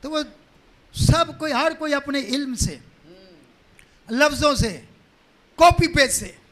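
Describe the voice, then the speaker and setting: A male pastor preaching a live sermon, repeating phrases and rising to shouts as the congregation answers. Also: very high voice, lively intonation, takes it slowly. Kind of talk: live sermon with call and response.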